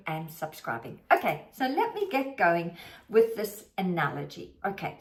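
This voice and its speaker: A woman money mindset coach giving a motivational talk to camera, with slow, emphatic, drawn-out phrasing. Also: mid-range voice. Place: filming herself on camera.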